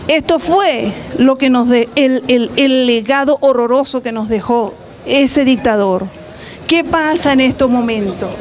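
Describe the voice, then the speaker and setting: A woman's voice: sits high, unhurried. An older woman from Chile with a Chilean Spanish accent, making an earnest, pleading public appeal into handheld mics in an outdoor plaza. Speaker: guest speaking on street radio. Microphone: several handheld mics at her mouth. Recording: crowd noise around.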